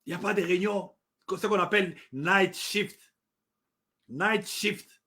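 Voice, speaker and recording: Here a middle-aged man with a Congolese French accent, from the Democratic Republic of the Congo, voices impassioned political views. His high voice sounds pushed and bright, and he speaks a little slowly. Emphatic and repetitive, he hesitates often with fillers.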